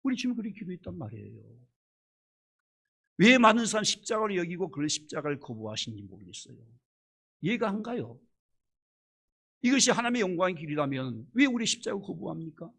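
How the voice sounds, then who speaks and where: Korean-style church pastor, man, fervent sermon, rough husky tone, fairly high, animated pitch. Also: brisk, long pauses. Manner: impassioned preaching with rhetorical questions, swinging from loud to hushed.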